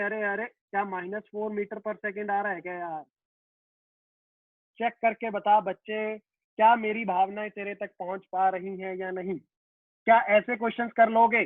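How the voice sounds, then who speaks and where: A man teaching a live online physics class, coaxing his students and answering his own questions in a quick back-and-forth. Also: high-pitched, dry recording. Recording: dry, phone-like narrow sound.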